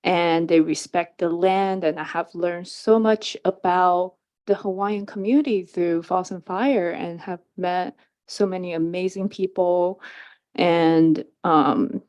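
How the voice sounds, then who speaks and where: A woman's voice: lowish voice, slow, a little mellow. A woman giving earnest, hesitant public testimony at a hearing, speaking into a table microphone. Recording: dull lo-fi hearing audio.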